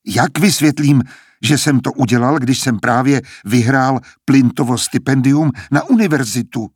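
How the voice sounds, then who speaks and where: Man reading as a cornered young student, stammering, pleading, a bit raised, husky, dry storybook recording. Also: medium pitch, no room sound, voice pushed up, close to an everyday voice. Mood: desperate.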